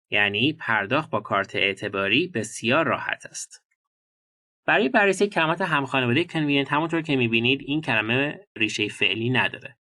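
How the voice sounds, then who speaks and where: A man gives a bilingual vocabulary lesson, reading each English word and example slowly and distinctly before explaining it. His voice is bright and forward, and the recording is dry and close. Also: mid-range voice, dry recording. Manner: reads English slowly and clearly, explains in Persian. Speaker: English teacher.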